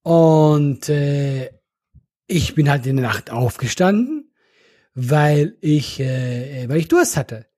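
A man co-hosting a casual podcast, with a higher voice that has a husky edge. He tells his stories in a playful, teasing manner. His pitch rises and falls in a lively way. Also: slow pace. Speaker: podcast co-host.

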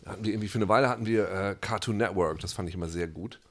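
Low-voiced and very fast, a man co-hosts a casual podcast chat, rambling with plenty of fillers and restarts and laughing easily.

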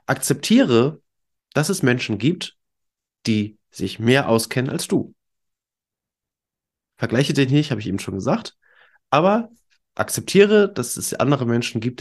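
A male podcast host with a mid-pitched, creaky voice sounds congested from a cold. Speaking informally on a solo show, he coaches listeners directly in an emphatic, conversational way and asks rhetorical questions.

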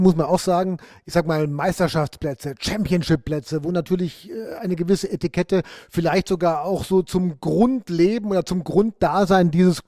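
A man hosting a casual chat, talking fast in lively bursts. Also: sits high, no room sound, studio quality. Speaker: podcast host.

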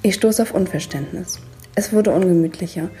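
A woman reads a diary entry aloud in a scripted, matter-of-fact way. Her voice is dark and mellow at a middle pitch. Soft music plays faintly underneath. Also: moderate pace. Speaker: diary columnist.

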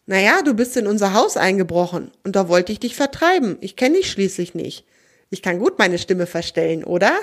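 A woman's voice: mid-range voice, big pitch swings, brisk. A woman voicing a small, cheeky female field mouse with a playful, teasing way of talking.

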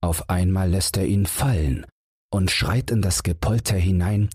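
A man reading a bedtime audiobook in a calm, unhurried manner with a husky voice, close to the mic. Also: low-pitched, no echo. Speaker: audiobook narrator.

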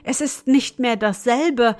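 A woman's voice: on the high side, slow pace, dry recording, faint music behind. A woman voicing a fretful, bewildered older male councillor who complains plaintively in a storybook reading.

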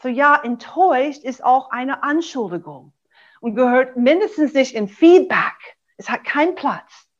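A middle-aged American woman, a native English speaker, coaching a webinar in German in an animated way and acting out short sample dialogues, on dull lo-fi webinar audio. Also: high-pitched, unhurried. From USA. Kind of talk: webinar teaching.

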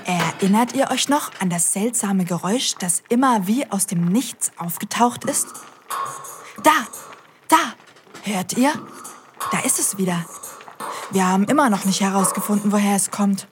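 A woman's voice: mid-range voice, normal speed, pauses often, background noise. A woman hosting a scripted children's audio show, cheerfully talking straight to the kids.

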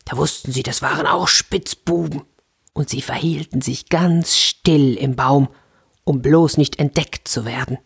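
Brief: low-pitched woman narrator, children's fairy tale, gentle and lively. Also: measured pace, vocal fry, breathy edge. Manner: gentle, lively storytelling with repetitions. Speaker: storyteller. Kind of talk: children's story reading.

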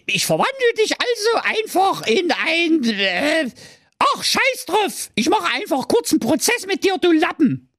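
A man voicing a quick-tempered evil fairy woman in a comedic storybook, with a shrill, scolding voice. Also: sing-song, sharp tone, no echo, clean studio sound, heavily acted.

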